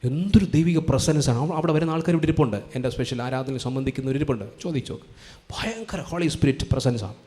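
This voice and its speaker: A man's voice: fairly high pitch, fast talker, mellow. A man preaching a sermon to a congregation, pleading and repeating his warnings urgently. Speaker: pastor.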